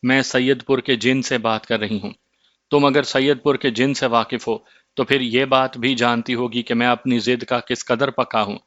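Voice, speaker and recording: A man's voice: mid-range voice, steady tone, a bit bright, no room sound, muffled recording, natural voice. A man doing a menacing jinn in cat form. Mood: angry. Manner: stubborn, threatening.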